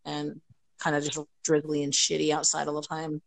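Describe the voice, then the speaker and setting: A woman's voice: deep voice, monotone, normal speed, vocal fry, rough recording. A woman from the United States chatting casually as a podcast guest over a video call, rambling with many fillers. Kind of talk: casual chat.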